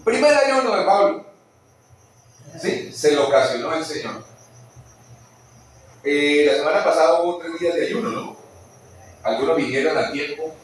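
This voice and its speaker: A man preaching a sermon in a church hall, animated and often putting questions to the congregation. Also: on the high side, normal speed, pauses often, slight background noise. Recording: echoey church hall, mic at a distance.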